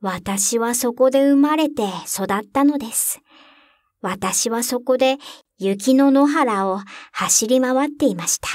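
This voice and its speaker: A woman's voice: fairly high pitch, slow, no echo, clean studio sound. A woman voicing an eager reindeer that speaks politely and formally. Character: eager reindeer, proud of its homeland.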